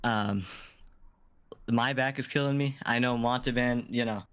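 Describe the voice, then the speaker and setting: A man's voice: mid-range voice, steady tone, unhurried, fairly bright tone, smooth. A man, a tournament player, chatting casually after the matches in a laid-back, slangy, rambling way. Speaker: player and guest commentator. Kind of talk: casual post-match chat.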